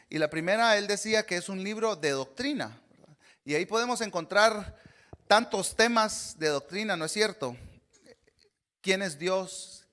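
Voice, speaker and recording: A man, preaching an earnest sermon as a guest speaker, often pausing on "eh" and checking in with "¿verdad?". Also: sits high, a bit bright. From Honduras. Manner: earnest, frequent "eh" fillers and "¿verdad?" tag questions.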